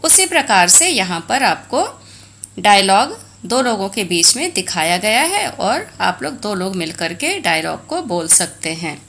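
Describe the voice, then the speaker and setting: A woman's voice: mid-range voice, very animated, unhurried, fairly bright tone. A woman with an Indian accent teaching a textbook lesson, explaining in Hindi mixed with English and reading Sanskrit aloud.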